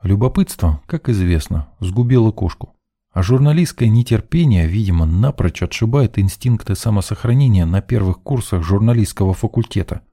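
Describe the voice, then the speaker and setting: A man's voice: on the low side, animated, moderate pace, mellow. A man reading a first-person story aloud as scripted audiobook narration, in a dry, ironic manner.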